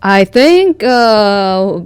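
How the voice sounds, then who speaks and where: A woman's voice: medium pitch, expressive, drawn-out words, smooth, faint music behind. A woman voicing a nervous, cowed man who stumbles and hesitates as he speaks in a tabletop game.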